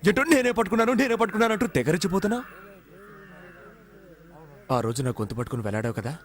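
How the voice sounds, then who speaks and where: An actor playing a cheeky young man in jail who talks back fast, in a dubbed film with music underneath. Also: high-pitched, very animated. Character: cheeky young jailed man, sulky and scheming.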